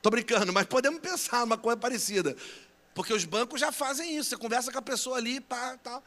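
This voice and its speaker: A Brazilian pastor making playful, teasing announcements and bantering with a live conference crowd. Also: male voice, extremely high pitch, fast talker, sharp tone. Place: large church conference hall. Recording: long echo of a big hall.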